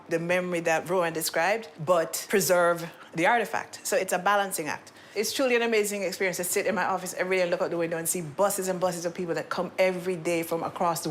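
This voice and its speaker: A woman's voice: on the low side, slight background noise. A middle-aged woman speaking earnestly about running a museum, affirming and laughing readily. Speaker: museum manager. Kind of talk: conversational interview.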